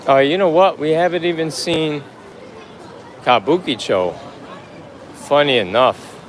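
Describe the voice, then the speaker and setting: A man live-streaming as he walks a busy city street, rambling in a relaxed way and greeting chat viewers by name. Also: fairly high pitch, unhurried, some chatter behind, a little hiss or hum. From United States. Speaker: livestream vlogger. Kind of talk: casual live-stream chat while walking. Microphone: handheld phone on a gimbal.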